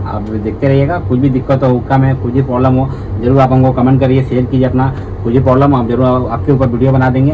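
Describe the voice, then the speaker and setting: Chatty man demonstrating a hookah setup. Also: mid-range voice. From India. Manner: repetitive, chatty, addresses viewers as brothers. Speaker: hookah tutorial host. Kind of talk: casual how-to demonstration. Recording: distant, dull audio with background noise.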